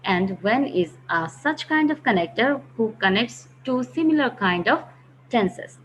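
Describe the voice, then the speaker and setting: A woman's voice: fairly high pitch, expressive, unhurried. A woman teaches a grammar lesson, patiently explaining and repeating key phrases. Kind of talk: recorded online grammar lesson. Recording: dull lo-fi recording with faint hiss.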